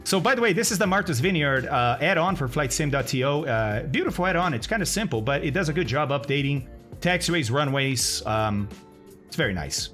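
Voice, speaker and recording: A man's voice: on the high side, animated, brisk, fairly bright tone, faint music behind. A man streaming a flight simulator, chatting casually with viewers, thinking aloud and laughing often. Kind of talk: casual live-stream chat.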